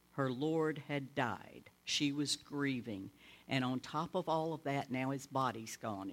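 A pastor preaching a sermon, retelling scripture in a deliberate storytelling manner. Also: mid-range voice. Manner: slow, deliberate storytelling with acted-out quotes.

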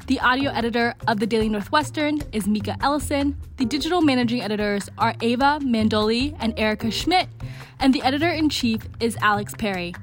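A woman's voice: a little high, a little fast, faint music behind. Young woman narrating a student podcast. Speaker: podcast host and reporter. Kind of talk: scripted narration.

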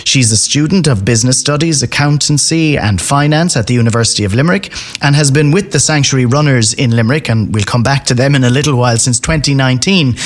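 A man hosting a podcast in a studio, reading a measured introduction and then asking a guest questions. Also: mid-range voice. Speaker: podcast host. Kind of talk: podcast interview. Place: radio studio.

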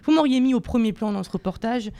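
A man's voice: very high-pitched, lively intonation, quick pace, warm tone, a little hiss or hum. A young man delivering a comic opinion column on student radio, mock-boastful and self-mocking, with many hesitations, into a studio microphone. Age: young adult.

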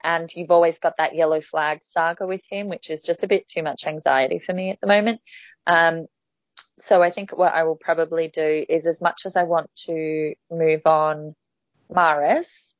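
Woman, podcast host, casual chat, lower pitch, muffled lo-fi audio. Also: dry recording. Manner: chatty, with frequent ums and restarts. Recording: dull, lo-fi dry sound.

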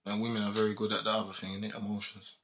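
A man's voice: fairly low pitch, monotone, rapid-fire, a bit bright. A young man with a London roadman accent debating casually on a podcast, full of slang and tag questions. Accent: London roadman, multicultural street English. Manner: repeats tag questions and checks he is understood. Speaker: podcast speaker.

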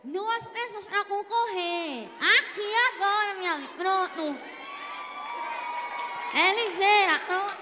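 A woman pastor, hosting a church game in a playful, teasing way. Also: extremely high pitch. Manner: playful, teasing, calls people "minha linda". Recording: echoey church hall, faint noise.

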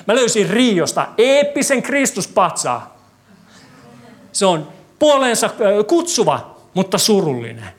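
With a mid-range voice, a preacher delivers his sermon in a church hall. He keeps the congregation engaged through lively rhetorical questions, plus the occasional wry, joking aside.

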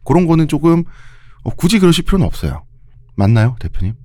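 A man's voice: on the high side, big pitch swings, fast talker, warm tone, no room sound, clean studio sound. A man with slushy, lisping s sounds, telling history conversationally as a podcast host and explaining things with everyday examples.

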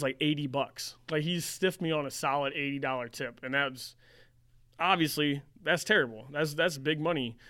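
Rambling young man, crisp dry voice. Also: medium pitch, a bit bright, no echo. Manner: rambling, heavy use of "like". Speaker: podcast host. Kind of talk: casual storytelling.

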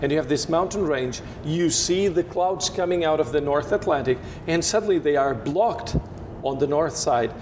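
Guy w/ talking winemaking in an interview, keeps restarting his sentences, hissy rumbly recording. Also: moderate pace, hardly any pauses. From Portugal. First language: Portuguese. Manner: searching for words with frequent restarts. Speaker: winemaker guest. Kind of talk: descriptive interview answers. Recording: steady noise and low rumble.

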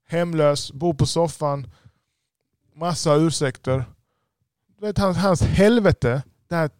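A business owner with a lisp, giving a blunt, profane podcast monologue. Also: male voice, fairly high pitch, darkish tone, dry recording, studio quality.

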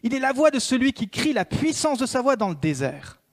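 A man preaching a sermon as a pastor, swinging between emphatic raised peaks and hushed prayerful passages. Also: very high voice, sing-song, a little fast.

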